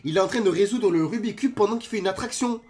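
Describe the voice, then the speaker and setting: A young man giving excited reaction commentary on videos, joking and exclaiming in disbelief. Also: sits high, fast talker.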